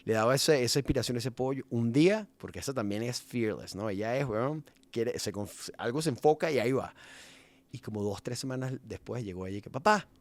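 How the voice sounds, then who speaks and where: Reflective man, mid-pitched, dropping English words. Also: fairly quick, a little hiss or hum. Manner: reflective, slips English words into his speech. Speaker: father and musician in a podcast conversation. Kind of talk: casual chat.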